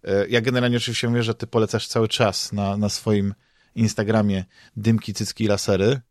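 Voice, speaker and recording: A man with a Polish accent hosts a podcast, chatting casually about games and comics. His fairly low voice is flat and a little fast, recorded at studio quality with no echo. He rambles and hesitates, often repeating words while searching for phrasing.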